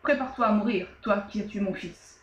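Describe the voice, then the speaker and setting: A woman's voice: mid-range voice, brisk, echoey room, lo-fi sound, close to an everyday voice. Woman voicing a furious sword-wielding efrit. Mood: menacing. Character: furious male demon, sword in hand.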